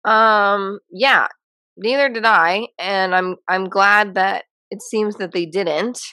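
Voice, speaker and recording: Halting woman in a dry room. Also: mid-range voice, pushed and bright, clear, resonant tone, dry recording. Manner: halting, restarts often, speculative. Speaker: podcast co-host. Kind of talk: casual chat about a TV episode.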